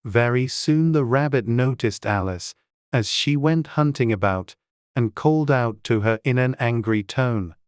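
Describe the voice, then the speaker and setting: A woman's voice: a bass voice, measured pace, darkish tone, clear, resonant tone, no echo, clean studio sound. A woman narrating a classic storybook in a dramatized audiobook reading.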